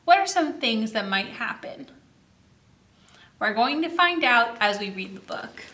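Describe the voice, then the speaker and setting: A woman with a voice on the high side hosts story time, her sound roomy. She reads a picture book to children expressively, drawing out her words slowly and asking them questions.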